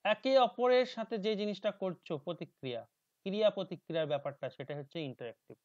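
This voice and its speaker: Bengali-accented male teacher with slow, muttering explanations. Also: sing-song, darkish tone, no room sound. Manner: explains slowly, reads English options aloud slowly, drops to low mutters. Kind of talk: exam-prep lecture. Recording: dull dry lo-fi recording.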